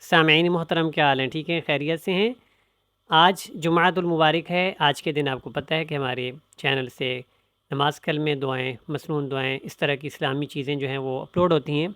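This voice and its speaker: A male Quran teacher explaining correct pronunciation in a brisk voice and then chanting the words slowly. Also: on the high side, steady tone, a bit bright, no room sound. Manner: brisk explaining voice, breaking into slow chanted recitation.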